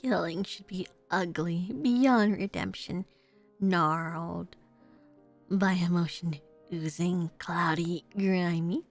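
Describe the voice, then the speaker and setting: A woman's voice: lowish voice, slow, faint music behind. A woman doing a sly theatrical male detective. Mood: morbid relish. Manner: theatrical, teasing cadence. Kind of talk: dramatic dub-like reading of game dialogue.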